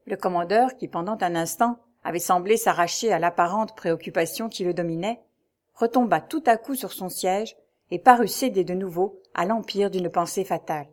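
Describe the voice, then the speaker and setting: A woman narrating a classic novel as an audiobook, in a measured, even storytelling manner. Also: lowish voice.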